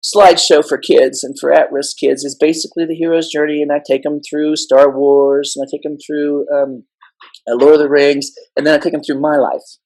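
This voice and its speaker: A man's voice: a little high, flat delivery, moderate pace, a little mellow, low-quality recording. A middle-aged man telling his story as a guest in a casual interview, impassioned and emphatic with a joking streak. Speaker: guest educator.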